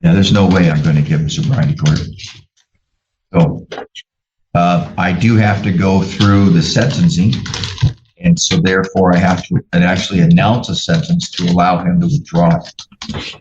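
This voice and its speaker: A man speaking as a judge in court, measured and procedural, pausing with fillers, heard on a courtroom recording. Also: deep voice, a little mellow. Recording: roomy, dull courtroom recording with faint hiss.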